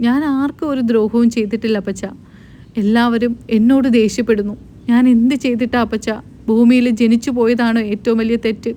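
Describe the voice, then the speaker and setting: A woman's voice: fairly high pitch, fairly even intonation, a little fast, warm tone, close to an everyday voice. A woman voicing a hurt young woman who pleads plaintively that she has done no wrong. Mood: tearful.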